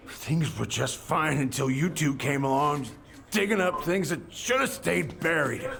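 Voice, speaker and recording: An actor playing a gruff, middle-aged American boat captain, grieving and defensive, in a dramatic video game. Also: male voice, on the high side, a little slow, crowd noise. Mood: bitter, angry.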